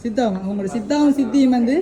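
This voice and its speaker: Quick, high-pitched coaxing woman. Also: dark tone, rough recording. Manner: coaxing, repetitive questioning. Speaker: surprise delivery host. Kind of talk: coaxing a birthday child.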